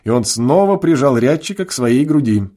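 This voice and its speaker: Expressive male audiobook narrator. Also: medium pitch, moderate pace. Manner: expressive, theatrical reading. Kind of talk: audiobook reading of classic prose.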